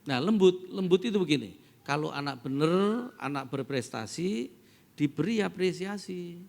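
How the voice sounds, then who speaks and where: A middle-aged male pastor preaches in a big church hall, his fairly high voice rough with gravel. He shifts from easy storytelling to loud, emphatic preaching, and a long reverb trails every phrase. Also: expressive, moderate pace. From East Java. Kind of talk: sermon.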